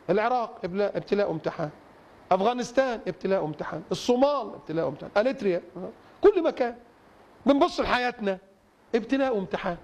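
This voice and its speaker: A man preaching with an Egyptian accent, his voice pitched a little high and his words rushing out quickly. He hammers his points through repetition and rhetorical questions. He slows right down to recite verses. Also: darkish tone, muffled recording. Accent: Egyptian Arabic. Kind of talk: sermon.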